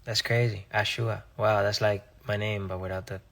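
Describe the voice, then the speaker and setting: Young man from Rhode Island, a singer doing live-stream Q&A, gravelly and laid-back. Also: lowish voice, moderate pace. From Rhode Island, USA. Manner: relaxed, reads viewer questions aloud and answers offhandedly. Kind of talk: casual live-stream chat answering viewer comments.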